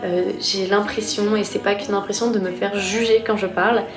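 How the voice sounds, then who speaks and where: A woman's voice: mid-range voice, flat delivery, moderate pace, roomy sound, over music. A young woman from France, a student vlogger, chatting with enthusiasm in a casual vlog. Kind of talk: casual vlog talk to camera.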